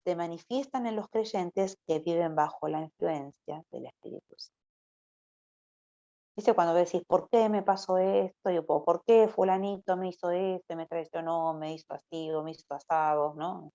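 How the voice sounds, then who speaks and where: In a fairly low, darkish voice, a woman gives informal Bible teaching to a church youth group. She speaks conversationally and often ends her phrases with a questioning "no?". The recording is dull and lo-fi.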